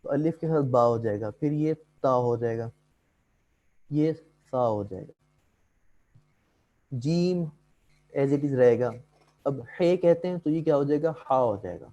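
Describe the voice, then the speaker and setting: A young man leads an online language lesson, calm and patient. His voice is mellow and dark-toned, at a middle pitch, and he slips English words into his explanations while checking in with the class. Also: long pauses, lo-fi sound. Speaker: Arabic language instructor.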